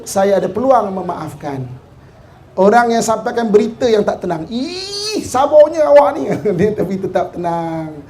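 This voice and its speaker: High-voiced Malaysian preacher man. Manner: animated, acts out quoted characters; chants Quranic verses slowly. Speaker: religious lecturer on a panel forum. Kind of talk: humorous sermon with storytelling.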